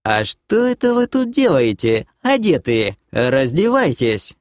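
A man's voice: medium pitch, big pitch swings, measured pace, dry recording, studio quality, voice pushed up. Man putting on a sultry succubus demoness. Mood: playful. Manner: sultry, teasing drawl. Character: flirtatious female succubus demon, sultry and brazen. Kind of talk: audiobook character voicing.

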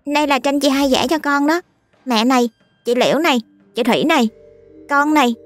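A woman's voice: high-pitched, brisk, soft background music, pitched above the performer's own voice, close to an everyday voice. A woman reading a story and voicing a stubborn little boy in a whiny, pleading child's voice. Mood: earnest. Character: small boy, sulky and stubborn.

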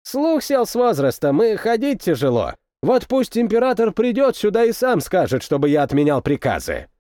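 A man's voice: high voice, wildly swooping pitch, normal speed, warm tone, no echo, studio quality, voice pushed up. A man voicing a sly elderly male general who feigns deafness and speaks in a mocking, defiant way, for an audiobook. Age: older. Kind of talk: audiobook character voice.

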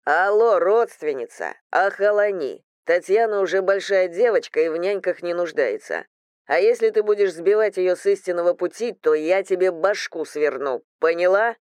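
A woman's voice: lowish voice, a little mellow, clear, resonant tone, no room sound, lightly acted. A woman reading an audiobook, voicing a domineering rich fiancé who speaks curtly and rudely. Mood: blunt. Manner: curt, rude, slow and heavy.

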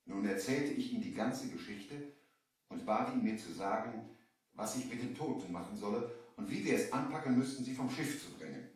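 A man voices the narrator and lead of a 1970 audio drama, an earnest merchant from Baghdad solemnly telling of his adventure. His pitch is fairly low and expressive, his speed normal, his sound close to everyday speech. Recorded from a distance, the vintage LP is echoey and off-mic.

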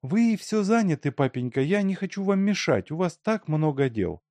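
A man voicing a timid young woman who speaks softly and sadly, with gravelly undertones, in a storybook reading. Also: fairly high pitch, big pitch swings, moderate pace, no room sound, voice pushed up. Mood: meek, downcast. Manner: soft, subdued, downcast.

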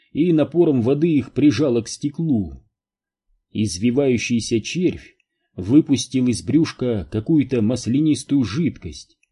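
Dark, husky male audiobook narrator. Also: medium pitch. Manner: steady, even storytelling.

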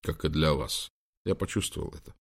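A man doing a quiet, caring young prince. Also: a bass voice, a little fast, breathy edge, heavily acted. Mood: tender.

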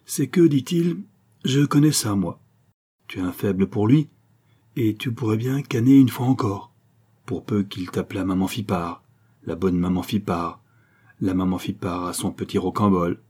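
A man voicing a cunning, gruff male bandit who broods and schemes, with sharp outbursts. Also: on the low side, moderate pace. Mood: scheming.

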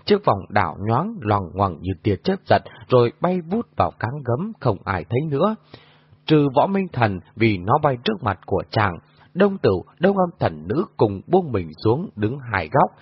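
A man narrates a martial-arts novel with animated, dramatic storytelling. His husky, lively voice is on a dull, lo-fi recording with a dry sound. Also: medium pitch, moderate pace, dry recording. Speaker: audiobook narrator. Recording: dull lo-fi audio.

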